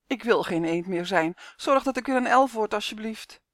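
A woman's voice: medium pitch, animated, normal speed, no echo, studio quality, lightly acted. A woman voicing a homesick male elf trapped in a duck's body, whining and buzzing his complaints. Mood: tearful. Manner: whiny, sulky, buzzing complaints. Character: grumpy homesick male elf stuck as a duck.

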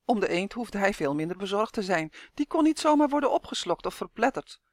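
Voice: medium pitch, very animated, fairly quick, no room sound. Dry, close storybook narrator. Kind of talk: audiobook narration of a children's novel.

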